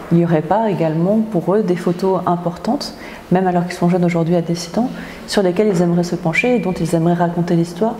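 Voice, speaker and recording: A woman from France, an author, speaking thoughtfully in an interview, pausing often with filler sounds. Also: fairly low pitch, dark tone, slight background noise. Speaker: author in residence. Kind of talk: reflective interview talk. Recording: echoey hall with faint ambience.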